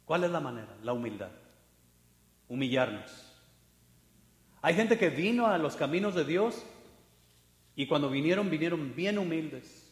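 Male pastor, fairly high voice, sermon in a reverberant hall, swings between quiet and forceful, mimics the proud. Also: expressive, measured pace, long pauses. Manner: mocks proud people in put-on voices; shifts from hushed to loud and emphatic. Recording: echoey hall with long reverb.

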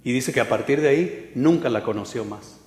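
A man's voice: mid-range voice, fairly quick, a little mellow. A male pastor preaching a conversational sermon in a church hall, often asking listeners for agreement. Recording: echoey hall.

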